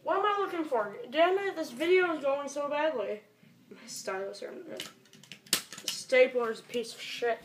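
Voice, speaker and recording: A young teenager with a high voice speaks at a moderate pace, muttering, swearing and rambling casually through a made-up-as-he-goes tutorial vlog. He's an amateur video maker filming in a small bedroom with a camera mic, and the audio is echoey and noisy.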